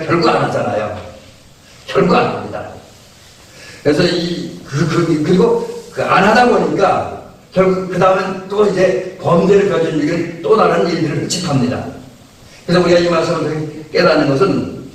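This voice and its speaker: A man preaching an evening sermon in a slightly high voice, talking in a plain conversational way with many fillers and restarts. He is picked up from some distance in a very echoey church hall. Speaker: pastor. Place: church sanctuary.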